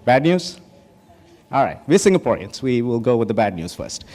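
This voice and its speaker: Very animated, with a medium-pitched, darkish voice at normal speed, an Indian man in his forties delivers a conference's opening keynote. He keeps it casual, joking with the audience and full of ums and restarts, speaking at a podium microphone on a large, reverberant hall stage.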